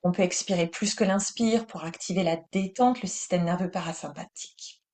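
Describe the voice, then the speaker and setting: A woman with a French accent teaching breathing and meditation in a calm, soothing manner. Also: fairly low pitch. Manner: slow, calm, soothing delivery.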